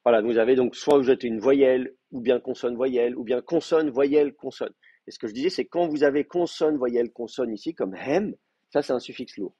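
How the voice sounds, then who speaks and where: A man teaching an advanced Hebrew class, explaining grammar with hesitant pauses, restarts and fillers. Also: mid-range voice, dark tone, breathy edge, no room sound. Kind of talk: classroom lecture. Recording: muffled, dry classroom recording.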